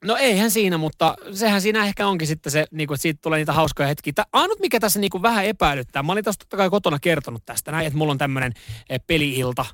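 Man, radio co-host, casual chat, rambling storyteller, fairly high voice, dry close sound. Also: lively intonation, a bit bright, no echo. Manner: chatty, laughing storyteller with many fillers.

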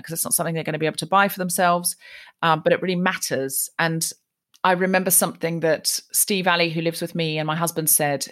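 A woman raised in Australia, a guest telling animated stories in conversation. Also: sits low. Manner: animated, lively anecdotes. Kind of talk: conversational storytelling.

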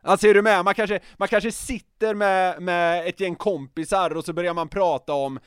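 A young Swedish man co-hosting a podcast, talking in an emphatic, animated way and laughing often. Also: sits high, clear, resonant tone, no room sound, studio quality. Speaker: podcast co-host. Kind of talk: casual podcast chat.

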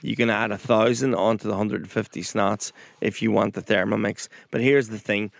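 A man's voice: lowish voice, fairly even intonation, moderate pace, vocal fry, dry recording. A man with an Irish accent from Donegal, co-hosting a podcast with slangy, jokey casual banter. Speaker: podcast co-host.

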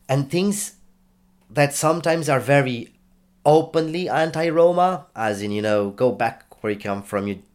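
A man in a mid-range voice explains his work at a slow, careful pace. He hesitates often and picks his words diplomatically. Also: mid-range voice. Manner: hesitant, many fillers and restarts, diplomatic. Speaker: caseworker. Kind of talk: documentary interview.

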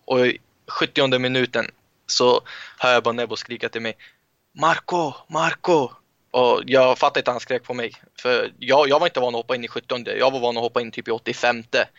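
A young footballer in a casual interview, telling stories with many halting restarts. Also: male voice, medium pitch, a bit bright, clean tone, no room sound. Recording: muffled lo-fi sound, dry.

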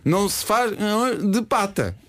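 A man's voice: high-pitched, very animated, a little slow, no echo. A man with a European Portuguese accent hosting a comedic radio show, playful and mock-exasperated.

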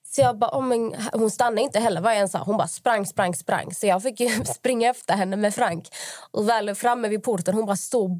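A woman's voice: mid-range voice, darkish tone, no room sound, studio quality. A young woman co-hosting a podcast, telling rambling stories in casual chat, full of fillers and acted-out quotes. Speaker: podcast co-host.

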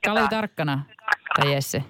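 A woman co-hosting a radio show, making calm, teasing remarks. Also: sits low, very noisy. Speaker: radio co-host. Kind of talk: afternoon radio show chat. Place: radio studio. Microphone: studio microphone.

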